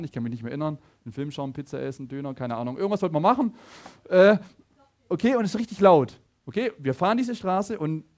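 Animated, expressive male preacher. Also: fairly high pitch. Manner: animated, stammering restarts, addresses the audience directly. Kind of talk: sermon with personal storytelling.

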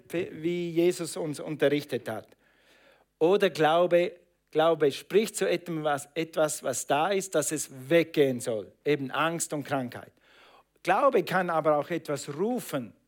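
A man preaching a sermon, stressing and repeating phrases and calling on the congregation to answer back. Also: on the high side. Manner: emphatic, repeats phrases, calls on congregation to respond.

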